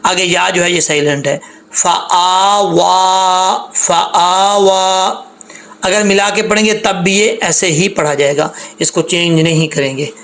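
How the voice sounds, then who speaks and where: A man teaching Quran recitation step by step. He patiently corrects common mistakes and spells out letters, drawing the sounds out slowly. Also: high voice, a bit bright. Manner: spells out letters and drags out sounds in slow demonstration.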